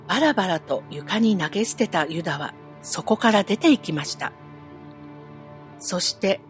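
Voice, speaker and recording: A woman telling a Bible story to children, gentle and friendly, asking her young listeners questions along the way. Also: medium pitch.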